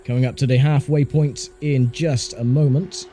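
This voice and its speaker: Casting: relaxed male gamer narrating his race, conversational with mild grumbles, soft-edged tone over faint car sounds. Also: mid-range voice, moderate pace. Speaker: gaming commentator playing a racing game. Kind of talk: casual gameplay commentary. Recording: faint car engine noise behind voice. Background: racing game engine sound.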